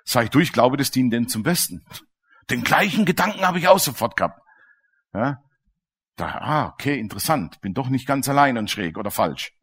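A man's voice: medium pitch, lively intonation, fairly quick, a bit bright, husky. A man preaching a sermon in a colloquial, storytelling way, turning to his listeners with questions. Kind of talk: sermon with personal stories.

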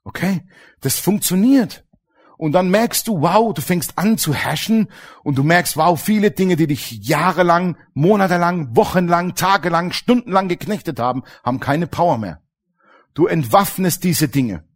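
A middle-aged male pastor preaching with a voice that rises and falls a great deal. He pitches his speech a little higher than most men and drives his points home with emphasis. He keeps checking in with the congregation through rhetorical questions. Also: animated, normal speed. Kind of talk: sermon.

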